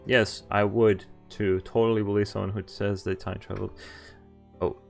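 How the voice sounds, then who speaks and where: Reading a visual novel's dialogue and narration aloud on stream, this man breaks off for relaxed asides full of laughter. His voice is fairly low and gravelly, delivered flatly at a normal pace, while faint music plays behind him.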